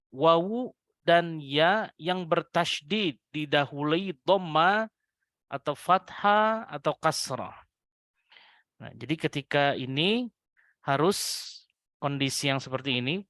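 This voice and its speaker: A man teaching Quran recitation rules to adult students, patiently repeating example words slowly with a lifted voice and addressing his listeners politely. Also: fairly high pitch, a bit bright, no echo, clean studio sound. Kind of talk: tajwid lesson to adult students.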